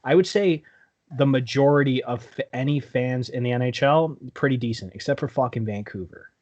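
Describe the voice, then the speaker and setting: A man's voice: medium pitch, a little fast, a little mellow. A man with a mid-range voice co-hosts a casual sports podcast. He gives blunt opinions, swears often and leans on the filler "like". His talk is loose and conversational. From Canada. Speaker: podcast co-host.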